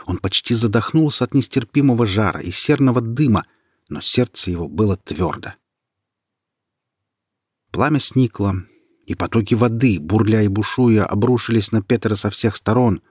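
A man reads a fairy tale aloud with steady, expressive narration. His voice is husky and low-pitched. The recording is dry and close. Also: normal speed, no room sound. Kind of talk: storybook reading.

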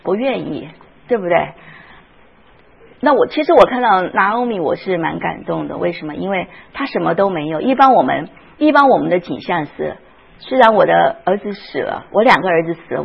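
A woman's voice: on the low side, sing-song, fairly quick, creaky, slightly rough, dull audio. A woman teaching a Sunday school Bible class, often asking the class questions and retelling scenes with feeling.

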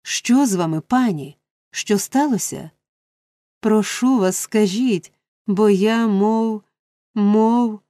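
A self-important parish beadle, as a woman narrator puts him on in a storybook reading, speaking with solemn, stately gravity. The delivery is slow and unhurried, with a mellow tone. The sound is close and dry. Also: mid-range voice, no echo, close to an everyday voice. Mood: flustered. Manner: stately, solemn, flustered at times. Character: pompous middle-aged male parish beadle.

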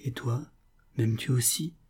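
A man's voice: mid-range voice, measured pace, darkish tone, slightly rough. A man voicing a proud young woman rebel commander, fierce and commanding, then tearful. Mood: anguished.

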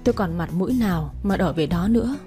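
A woman voicing a remorseful young mother who speaks softly and pleadingly, full of shame. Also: fairly low pitch, lively intonation, fast talker, faint music behind, lightly acted. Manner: soft, pleading.

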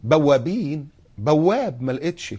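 A man preaching a sermon in an Egyptian accent, speaking in a lively, theatrical way that acts out scenes and voices. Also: a little high, normal speed, husky. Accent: Egyptian Arabic. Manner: animated, acts out quoted voices and scenes, jokes and laughs. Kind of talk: colloquial sermon.

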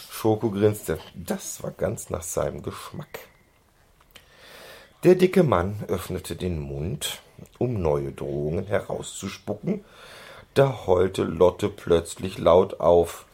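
Slow, husky expressive storyteller man. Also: low-pitched. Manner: expressive, playful. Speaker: narrator. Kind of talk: audiobook reading.

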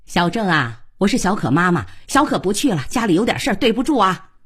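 A woman reading the part of a stern middle-aged mother who lectures her daughter at length in a slightly husky, lively voice. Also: mid-range voice, brisk. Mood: curt. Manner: lecturing, sharp, talks on and on. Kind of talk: audiobook character reading.

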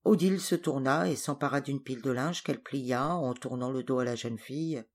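A woman narrating a story for an audiobook in a measured, clear reading voice. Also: extremely low pitch, darkish tone. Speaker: audiobook reader. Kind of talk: scripted narration.

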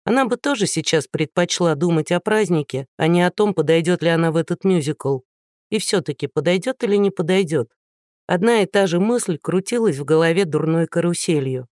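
A man narrating an audiobook in a steady storytelling manner with light irony. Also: a little high, brisk, dry recording, clean studio sound. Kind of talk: scripted narration.

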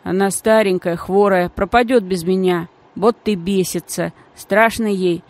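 Женщина озвучивает в аудиокниге застенчивого мальчишку с улицы, говорящего грубовато и по-простому, с бормотанием. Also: female voice, medium pitch, fairly even intonation, measured pace, a little mellow, lightly acted. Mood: bashful. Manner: gruff, folksy, mumbling. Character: shy, rough-spoken street boy.

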